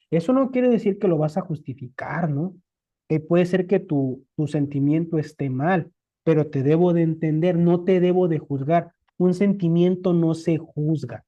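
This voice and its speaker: Very dark-voiced Mexican Spanish lecturer. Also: mid-range voice. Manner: explains with rhetorical questions and everyday examples. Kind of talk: conversational lecture. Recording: dull lo-fi recording.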